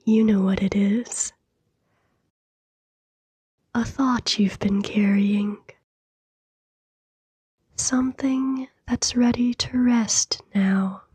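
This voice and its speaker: A soft-spoken woman whispers a sleep meditation, very breathy, fairly high, and fairly even in intonation, with a mellow, soothing tone. Her delivery is extremely slow, with long pauses between short phrases, captured close and dry.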